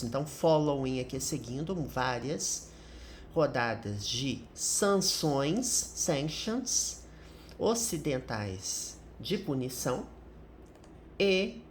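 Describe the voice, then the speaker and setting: A middle-aged woman with a Brazilian Portuguese accent teaches English through a commented reading, explaining each point and often closing with a tag question. Her voice sits low, with slight background noise.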